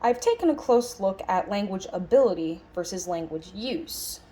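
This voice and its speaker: Mid-range and mellow, this woman's voice is expressive at normal speed as she interprets a signed lecture aloud. She takes a conversational, reflective approach, musing through emphatic phrasing and rhetorical questions.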